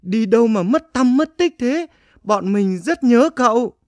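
A man voicing excitable, friendly young bean plants in a children's storybook, eagerly repeating exclamations. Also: extremely high pitch, a little slow, no room sound, clean studio sound, exaggerated voice. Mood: excited greeting.

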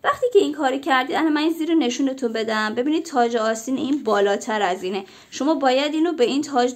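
A woman with a cold, chatting to viewers as she explains a sewing pattern step by step. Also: high-pitched. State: has a cold. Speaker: sewing instructor. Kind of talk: casual tutorial.

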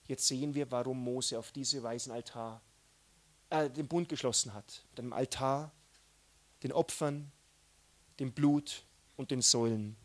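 A man preaching a sermon, animated, swinging between loud outbursts and soft, hushed asides. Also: medium pitch, measured pace, long pauses. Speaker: pastor.

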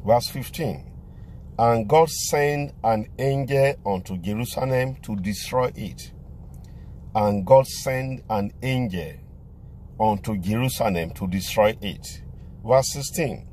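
A man's voice: on the low side, slow, a little mellow, slight background noise. A man, a pastor preaching and praying with emphatic, repeated declarations, recorded on a phone inside a car. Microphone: phone camera at arm's length.

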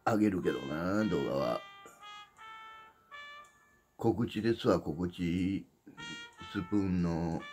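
A man's voice: deep voice, a little mellow. A man with a Kansai accent, casually announcing his upcoming livestream in a blunt, rambling way that repeats itself. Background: background music.

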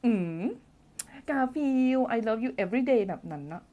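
The audio is narrow and tinny, coming from a phone or desk mic used for live streaming. A woman with a fairly high, expressive voice speaks at a slow pace while teaching English grammar and reading viewer comments. She's chatty and playful, laughing often and humming as she thinks out loud.

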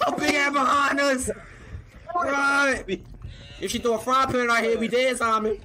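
A young man streaming horror games, panicking and yelling slangy reactions in fright. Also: extremely high pitch, flat delivery, moderate pace. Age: young adult. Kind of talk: loud reaction commentary, slangy. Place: small indoor streaming room. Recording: noisy, overdriven shouting over game audio.

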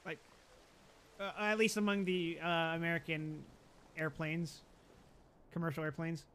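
A young man with a bright, forceful voice pitched a little high trades jokes in a loose chat with friends. He is animated and laughs easily, and he sounds relaxed among people he knows. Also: unhurried, a little hiss or hum. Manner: animated, laughs often, joking.

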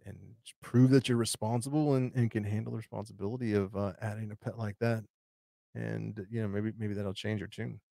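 Gravelly low-voiced man rambling casually. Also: mellow, dry recording, studio quality. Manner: rambling, answers chat questions with frequent fillers and restarts. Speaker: tarantula channel host. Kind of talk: casual live stream chat.

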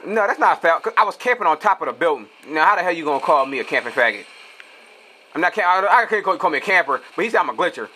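Young guy on a headset, bright, bouncy pitch, profane banter, faint game noise behind. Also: quick pace. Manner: excitable, profane trash talk. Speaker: gamer. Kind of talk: gameplay commentary.

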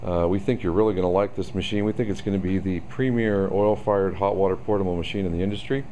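A man with a fairly low voice walks a camera around a machine in an indoor showroom, explaining its features in a loose, unscripted way. He fills his pauses with plenty of ums and uhs, and there is a faint hum of room noise behind him. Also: fairly even intonation, warm tone. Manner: casual, many ums and uhs. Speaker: equipment salesman. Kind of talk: product walkaround demo.

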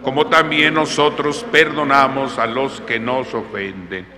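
A man leading Mass as a priest, reciting solemn, measured liturgical prayers in a long cathedral-like echo. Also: medium pitch, fairly even intonation, a crowd in the background. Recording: echoing cathedral-like reverb, congregation around.

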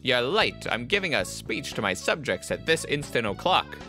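A man's voice: medium pitch, big pitch swings, moderate pace, bright, forceful tone, soft background music. Een man die een spottende, goblinachtige speelgoedheer speelt. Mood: pompous. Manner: sneering, theatrical and condescending. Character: haughty insulting male toy lord.

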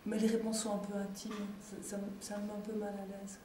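A woman's voice: medium pitch, monotone, a little fast, background noise. A young woman answering interview questions hesitantly, stumbling over her words as she reflects. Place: small room with brick wall. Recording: echoey room.

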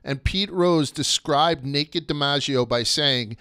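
A man's voice: on the high side, slow, pushed and bright, clear, resonant tone, no room sound, clean studio sound. A man hosting a casual history podcast, chatty and crude, going off on tangents. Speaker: podcast host.

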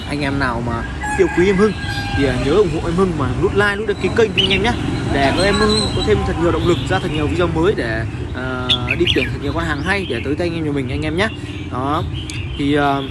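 A fast, chatty young man from Vietnam pitches his birds in a casual vlog, peppering every phrase with fillers and direct calls to his viewers. His voice sits a little high for a man. Loud background noise runs under everything he says. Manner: chatty, many fillers and repeated address to viewers. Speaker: bird seller, channel host.

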